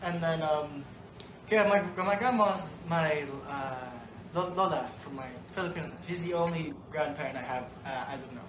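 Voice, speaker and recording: A man's voice: a little high, moderate pace. A young man talking as a podcast guest in a rambling way, with lots of fillers and restarts. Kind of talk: casual interview chat. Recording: roomy room with faint noise.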